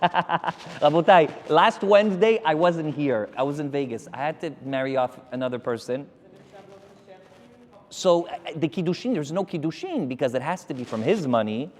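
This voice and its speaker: A man, a rabbi, giving a Torah lecture to his congregation and telling stories with animated energy. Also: fairly high pitch, moderate pace, big-room sound. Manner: animated storytelling, addressing the crowd directly.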